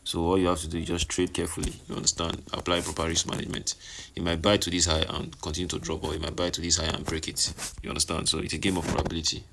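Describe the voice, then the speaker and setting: Male trading vlogger, deep register, casual and repetitive delivery, noisy on-location recording. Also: monotone, rapid-fire, gravelly. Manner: repeats phrases, checks listener understands. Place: on location, partly in a noisy hospital. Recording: noisy background, uneven level.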